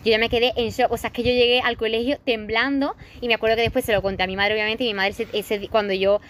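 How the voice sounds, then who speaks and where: A woman's voice: fairly high pitch, fairly even intonation, a bit bright, slight background noise. A young woman hosting a casual group chat, telling stories in an indignant way. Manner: fast, indignant storytelling. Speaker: podcast host.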